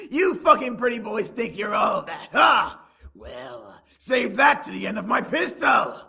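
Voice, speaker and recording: A sneering, cackling game villain, delivering a shouted villain monologue. The voice is high and gravelly, with a sharp edge, stretching the taunts out slowly. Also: male voice, full character voice. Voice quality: raspy, gravelly. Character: cocky menacing male villain, sneering and cackling. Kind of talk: video game voice acting.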